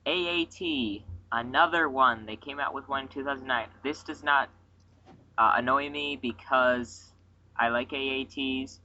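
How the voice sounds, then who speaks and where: Bright-voiced excitable male podcast host. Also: mid-range voice. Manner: excitable, quick to interrupt and correct. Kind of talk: casual chat about toy sets. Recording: dull lo-fi podcast recording.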